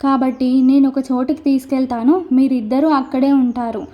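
A calm young man coaxes and soothes in a steady, patient way in a spoken storybook, voiced by a woman. The voice stays high and light rather than deep. The recording has a dull, lo-fi sound. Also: moderate pace, close to an everyday voice. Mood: soothing. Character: calm, reassuring young man, gently insistent.

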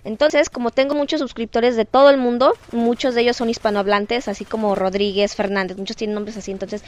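A teenage girl with a Mexican Spanish accent, talking in a chatty, lively, self-mocking way in a casual vlog. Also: on the high side, fairly quick. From Canada. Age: teens. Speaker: vlogger.

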